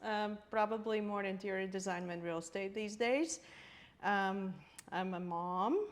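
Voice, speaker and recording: A woman's voice: medium pitch, a little slow. A woman from Latvia, a guest interior designer in a podcast interview, thoughtful and searching for words with frequent laughter.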